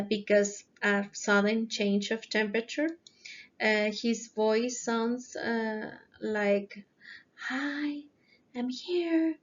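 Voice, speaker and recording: A woman narrating a lesson over slides, explaining carefully and often pausing with hesitations. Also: mid-range voice. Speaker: presenter explaining phonetics. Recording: dull, lo-fi recording.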